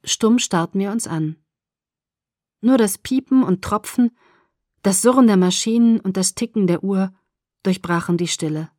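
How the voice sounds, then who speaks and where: Woman reading an audiobook in first person, measured and expressive, pretty dry close sound. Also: medium pitch, dry recording. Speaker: audiobook narrator.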